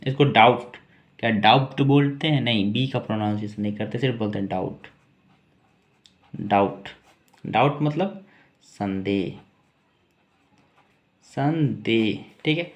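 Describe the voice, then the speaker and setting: A man teaching English pronunciation in Hindi, saying each word slowly, repeating it and asking questions to his viewers. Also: fairly high pitch, echoey room. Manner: slow, repeats each word and its meaning, asks rhetorical questions.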